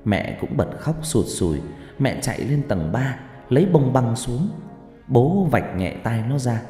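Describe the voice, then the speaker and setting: A man's voice: medium pitch, big pitch swings, measured pace, warm tone. A man narrating a horror story with a dramatic delivery, in an echoey recording with faint music.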